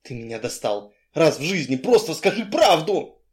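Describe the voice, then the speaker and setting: A male reader voicing a reckless, fiery young woman who shouts and demands the truth. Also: a little high, very animated, normal speed. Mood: angry, demanding.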